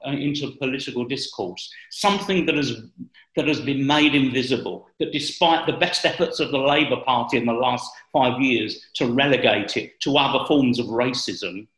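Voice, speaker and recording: A man, talking politics in a deliberate, halting, earnest way. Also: mid-range voice, fairly bright tone. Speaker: political commentator. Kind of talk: political discussion. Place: bright room at home. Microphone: video call. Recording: roomy, echoey video call.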